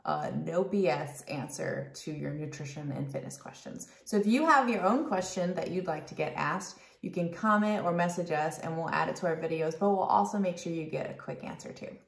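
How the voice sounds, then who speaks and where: A woman's voice: sits low, fairly quick, gravelly, few pauses. A woman co-hosting a fitness Q&A in casual chat, giving dry, matter-of-fact nutrition answers. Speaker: fitness and nutrition coach co-host. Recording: roomy echo.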